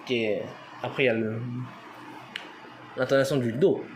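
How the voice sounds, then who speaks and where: Here a man of medium pitch teaches a casual language lesson at a moderate pace, with slight background noise. He's a language teacher who hesitates often, leans on fillers, and spells out words one letter at a time.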